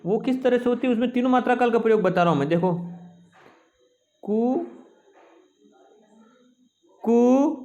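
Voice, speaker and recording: Speaking in a very high, darkish voice captured on dull audio, an Indian teacher walks his class through Sanskrit at a slow, explanatory pace. He stretches vowels to demonstrate their length and keeps asking "है ना" and "ठीक है" to be sure students follow.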